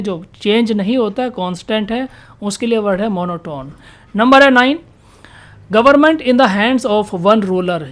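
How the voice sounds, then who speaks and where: A woman at medium pitch teaches vocabulary to exam students. She questions and answers herself, goes back over key words, and slowly reads the English definitions out.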